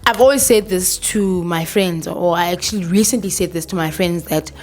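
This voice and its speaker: Faint music plays behind this woman's lowish voice as she speaks at a moderate pace. She's a South African vlogger in her thirties, candid and casual on camera, mixing in local words, laughing, and cursing occasionally.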